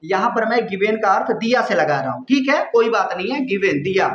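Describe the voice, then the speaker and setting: A man teaching a poem line by line, slowly repeating each word and its meaning. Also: sits high, animated, fairly bright tone. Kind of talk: line-by-line poem explanation lesson. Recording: echoey dull lo-fi room sound.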